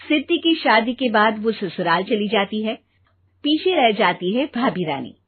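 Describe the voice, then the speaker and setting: A woman narrating a family story in an expressive, measured way. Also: a little high, breathy edge, phone-quality sound.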